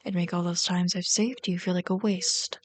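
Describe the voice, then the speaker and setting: In an intimate ASMR roleplay, a woman plays a bitter, yearning female villain, brooding and dramatic, sometimes dropping into breathy whispers. Her natural voice sits on the low side, with a level tone at normal speed. The mood is one of irritated tenderness.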